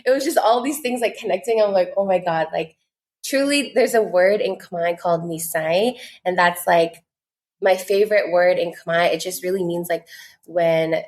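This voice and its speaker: A fairly low, darkish voice at a moderate pace belongs to this American content creator in her 20s. Guesting on a podcast, she talks in a chatty, earnest way, using "like" again and again.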